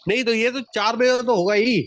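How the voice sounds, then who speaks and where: A man with a notably high voice leads an online group session over a video call. He talks in a loose, halting way, restarting his sentences and cutting others off with a repeated no. The call audio is dull and lo-fi. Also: fairly even intonation, over a noisy crowd. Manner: frequent restarts, interrupts with repeated no. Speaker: session leader.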